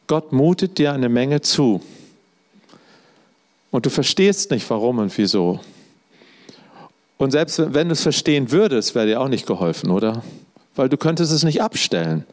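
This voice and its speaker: A middle-aged man gives a sermon in a relaxed storytelling voice. He talks to his listeners directly, as if chatting with friends. His voice sits in an ordinary middle range. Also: medium pitch. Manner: storytelling, conversational, addresses audience directly. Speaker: preacher.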